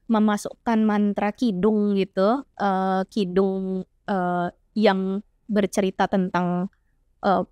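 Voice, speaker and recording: A woman musician in a casual interview, telling lively stories and now and then singing a line. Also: mid-range voice, slow, long pauses, smooth, no echo, lo-fi sound. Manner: animated storyteller, breaks into song snippets. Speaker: musician guest.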